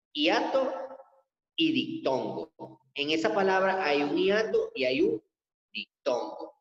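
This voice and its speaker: Slow, deliberate male teacher in echoey room. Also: fairly high pitch. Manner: slow, deliberate explaining, addressing students. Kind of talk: recorded classroom lesson. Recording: echoey lo-fi room sound with long reverb.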